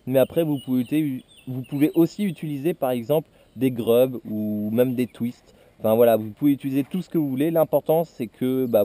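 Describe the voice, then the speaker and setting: A man walks through a gear presentation in a casual teaching tone. His voice is deeply mellow and dark, at a middling pitch. He often pauses on hesitations as he explains. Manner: explanatory, frequent "euh" hesitations. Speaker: fishing channel host.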